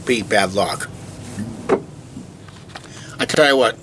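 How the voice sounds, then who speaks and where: Speaking slowly and animatedly in a lowish voice, this congested vlog co-host rambles into a tripod-mounted camera, beer in hand, outside by a shed at night. "Uh, basically" crops up constantly, and the background is noisy.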